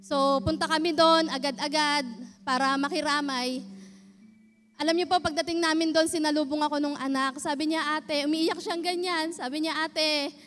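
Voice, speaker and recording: A woman giving a nervous, halting, earnest personal testimony at a church service. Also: high voice, steady tone, a bit bright. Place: church hall. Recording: reverberant church hall.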